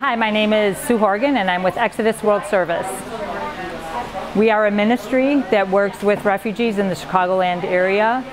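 A woman's voice: mid-range voice, normal speed, poor audio. Earnest middle-aged woman in a busy room. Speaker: refugee ministry worker. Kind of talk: prepared statement to camera. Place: indoor pantry room with volunteers. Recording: busy room with crowd chatter. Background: crowd chatter.

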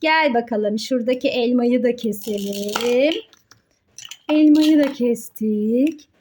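Here a woman with a high, slightly mellow voice narrates toy play for children, with a faint hiss or hum in the audio. Her commentary is improvised and slow, and she walks young viewers simply through each small step.

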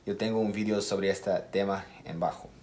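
A man giving a casual video lesson as an English teacher. He speaks slowly and deliberately, repeats key words and makes small slips in his Spanish. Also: low voice, fairly even intonation, a little mellow.

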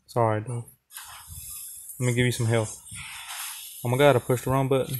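A man's voice: mid-range voice, little pitch movement, normal speed, faint music behind. A young man commentating his own gameplay in a casual, trash-talking way, with a playful, chatty delivery to viewers. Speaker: gaming channel host.

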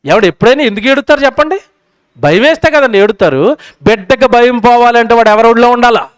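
A male preacher gives a sermon at a public meeting and keeps firing questions at the crowd. His voice sits high and rings smooth and clear, and it swings between loud and soft. The sound is dry and close. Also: quick pace, dry recording.

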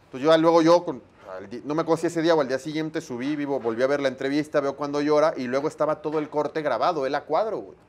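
A Mexican man, a sports broadcaster, telling lively anecdotes in a casual interview, full of slang and acted-out dialogue. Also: fairly high pitch, fast.

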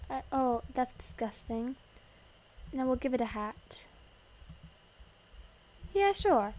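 High-voiced, excitable woman playing a game. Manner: excitable, gasping and squealing at surprises. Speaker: gaming video host. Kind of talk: casual game commentary.

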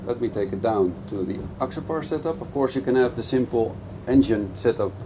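A middle-aged man explains things eagerly, his voice sitting in an ordinary middle register. He is recorded aboard a moving motorboat. Loud engine and wind noise run under everything he says. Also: medium pitch, animated, fairly quick. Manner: enthusiastic, explanatory, speaks over engine noise. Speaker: boat dealer giving a product review. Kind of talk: casual product walkthrough. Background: boat engine and water noise.

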